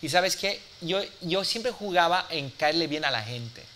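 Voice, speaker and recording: Brief: forty-something male mentor, slightly high, sharp and forceful, blunt and profane with a crowd. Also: expressive, unhurried, slight background noise. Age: 40s. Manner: blunt, forceful, swears freely, peppers with "¿sí?". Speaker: business speaker and mentor. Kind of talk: live mentoring talk to an audience.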